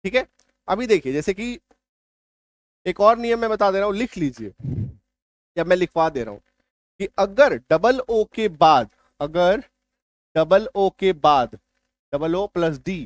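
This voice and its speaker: A man teaching spelling rules, repeating key points and asking his students whether it is clear. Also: high-pitched, no room sound. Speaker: English teacher. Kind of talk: spoken spelling lesson.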